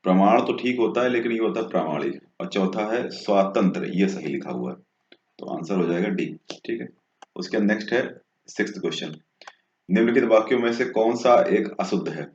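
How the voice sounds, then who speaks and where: This tutor's voice is fairly low, animated and fairly quick as he walks through exam answers step by step. He keeps checking in with a short "okay," and the room sounds dull and echoey.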